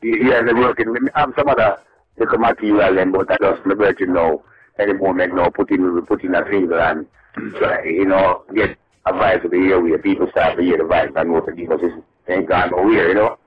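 A man's voice: deep voice, fairly even intonation, fairly quick, slightly rough. A man, a reggae artist talking over the phone in a casual radio interview, in a loose, repetitive, upbeat patter. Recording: muffled phone-line audio.

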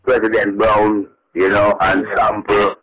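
A man's voice: on the low side, little pitch movement, unhurried, music in the background. A man, a reggae artist talking over the phone in a casual radio interview, in a loose, repetitive, upbeat patter. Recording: muffled phone-line audio.

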